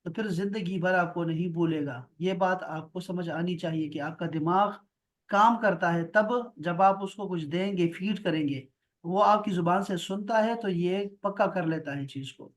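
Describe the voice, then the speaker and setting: Guy teaching arabic on a video call, kinda high voice, keeps repeating and drilling words. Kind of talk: online grammar lesson.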